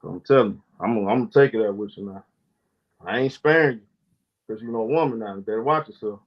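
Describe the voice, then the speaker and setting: A man's voice: lowish voice, quick pace, dull audio. A man hosting a casual sports talk live stream, loose and argumentative, talking back to his chat in slang.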